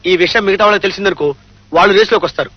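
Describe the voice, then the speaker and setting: A man's voice: high-pitched, very fast, no room sound. An actor playing a scheming, boastful male criminal lawyer in a comedy film, talking in a sly, bossy way. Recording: dull film audio with music.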